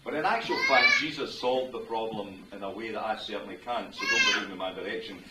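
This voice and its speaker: A middle-aged Scottish man serves as minister at an indoor wedding, chatting and joking with the guests as he officiates. His voice sits on the low side with wildly swooping pitch and a quick pace, recorded roomily from a distant mic amid venue noise.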